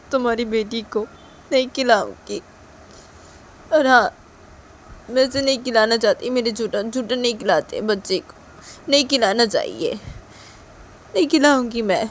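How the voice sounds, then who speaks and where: A woman voicing a young mother who is crying and pleading in a shrill, repetitive way, for a homemade story. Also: a little mellow.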